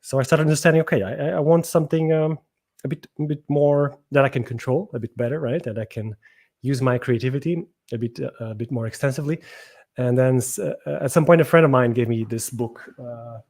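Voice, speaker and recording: A man's voice: medium pitch, fairly quick, a little mellow. A man from Portugal, a guest answering interview questions in a thoughtful, hesitant way with frequent restarts. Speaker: podcast guest, entrepreneur. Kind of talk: casual interview talk.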